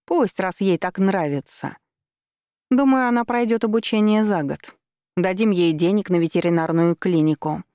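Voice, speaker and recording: A woman's voice: fairly low pitch, normal speed, warm tone, no room sound, studio quality, close to an everyday voice. A woman voicing a cruel, scheming middle-aged mother who talks down to her daughter with cold scorn. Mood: coaxing, scornful.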